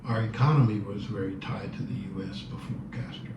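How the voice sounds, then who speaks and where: A man's voice: fairly low pitch, fairly quick. A man in his seventies from Cuba, a native Spanish speaker, answering interview questions thoughtfully and searching for his words. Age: 70s. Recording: roomy, distant, dull, noisy.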